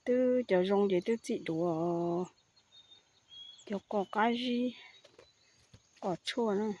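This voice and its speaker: A woman's voice: medium pitch, slow pace, darkish tone, muffled recording. A woman hosting her own channel, chatting casually and animatedly, often raising her voice, with faint crickets and insects behind her outdoors. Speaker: channel host. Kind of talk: casual chat.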